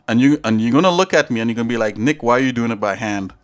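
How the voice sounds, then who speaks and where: A man's voice: mid-range voice, animated, very fast. A man hosting a casual livestream tutorial, rambling and chatting straight to his viewers from a home setup. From Trinidad and Tobago. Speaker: livestream host.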